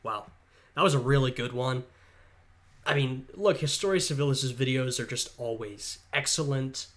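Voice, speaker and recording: A man whose voice sounds congested and stuffed-up casually reacts to a history video, thinking out loud and hedging as he muses on each point. His pitch is middling and his tone fairly bright, at a normal speed.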